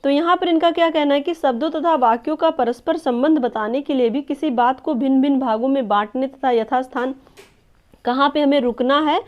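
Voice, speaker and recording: A woman teacher giving an online lesson, explaining step by step, addressing viewers as friends and often checking with "clear?". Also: high voice. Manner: checks understanding with a repeated "clear?". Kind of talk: online exam-prep lesson. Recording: dull lo-fi recording.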